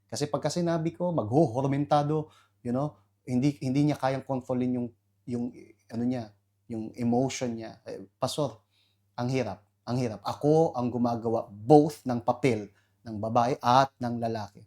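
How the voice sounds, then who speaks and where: A man voicing a tired married woman who pleads with her pastor in a soft, low, complaining way. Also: fairly even intonation, normal speed, lightly acted. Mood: weary.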